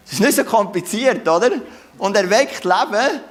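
A man's voice: sits high, lively intonation, normal speed. A man with a Swiss German accent preaching a sermon, telling the story conversationally and asking rhetorical questions.

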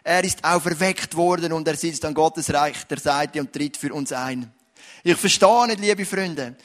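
Swiss German man preaching, high-pitched, earnest, building to emphatic points. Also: fairly bright tone. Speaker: pastor. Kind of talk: sermon.

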